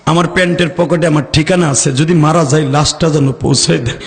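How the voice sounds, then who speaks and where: A man's voice: a little high, steady tone, fast talker, in a large hall, a crowd in the background, voice pushed down, close to an everyday voice. A man preaching voices a young man trapped on a sinking boat, pleading with his mother in a rush.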